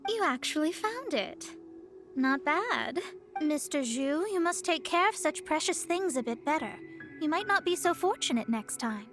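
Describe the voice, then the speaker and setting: A woman voicing a proud young female astrologer, measured and slightly haughty, in video game dialogue. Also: high voice, very animated, over music. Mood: poised.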